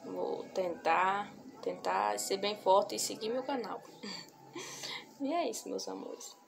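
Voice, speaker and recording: A soft-spoken young woman talks to viewers from her couch in a small home room, her mid-range voice carrying a creaky edge. The vlog is casual and heartfelt, full of pauses while she gathers her thoughts and repeated phrases. She films on a phone camera at arm's length, and the recording is noisy.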